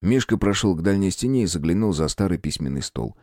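A man narrating an audiobook story in a measured storytelling manner. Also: low-pitched, expressive, a little mellow, dry recording, clean studio sound. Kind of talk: scripted narration.

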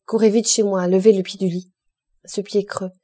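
A woman's voice: mid-range voice, level tone, normal speed, mellow, close to an everyday voice. A woman reading as a stricken old priest. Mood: urgent. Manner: urgent, pleading, fading. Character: old male priest prisoner, stricken, urgent.

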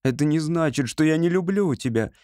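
A man's voice: fairly high pitch, lively intonation, brisk, mellow, dry recording, studio quality, pitched above the performer's own voice, lightly acted. A man voicing a passionate young winged man in an audiobook reading, speaking ardently. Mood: gentle. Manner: ardent, impassioned.

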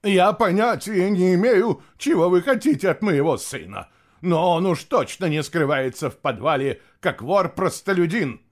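A man's voice: sits high, lively intonation, normal speed, pitched above the performer's own voice. A man reading an audiobook, voicing a haughty noble mother who speaks with indignation. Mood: indignant. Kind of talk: audiobook narration.

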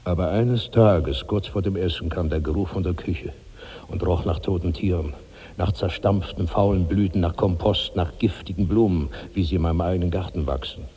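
An actor playing a huge, ravenous old man in his sixties in a 1960s radio drama, brooding and husky, breaking into loud cries. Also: low voice, moderate pace, big-room sound. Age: 60s.

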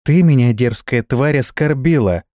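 A man's voice: medium pitch, normal speed, a little mellow, no room sound, studio quality, close to an everyday voice. A man voicing an arrogant, vengeful female vampire who speaks haughtily, in a storybook reading. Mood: indignant. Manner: haughty, indignant.

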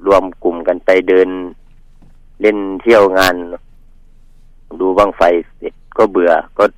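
A man from northeast Thailand telling the host a ghost story from his village in a halting, polite way, pausing and repeating words. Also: low-pitched, fairly even intonation, no room sound, highs cut off. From Northeast Thailand, Mekong riverside. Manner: polite, addresses host as older brother. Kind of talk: casual spoken storytelling.

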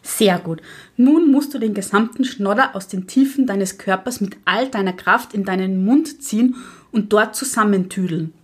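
A woman's voice: mid-range voice, moderate pace, husky, natural voice. A woman playing a strict, unflinching witch teacher in an audio drama, giving curt, matter-of-fact instructions. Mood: stern instructing.

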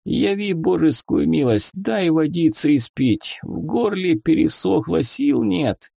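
A hoarse, whispering dying soldier in a storybook, as a male reader voices him, weak and pleading. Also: high voice, big pitch swings, extremely slow, dry recording, clean studio sound, voice pushed up, full character voice.

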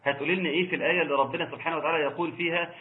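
Egyptian sheikh teaching recitation, tinny line. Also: male voice, fairly high pitch, steady tone. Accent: Egyptian Arabic. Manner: slow drawn-out recitation of verse examples, patient corrections. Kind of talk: online Quran recitation lesson, correcting students.

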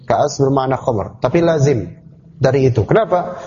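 A man's voice: mid-range voice, animated, moderate pace, dark tone. A man teaching a classroom lesson on scripture, explaining terms step by step and asking the class questions. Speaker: Islamic teacher. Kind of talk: classroom tafsir lecture. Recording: dull lo-fi class recording.

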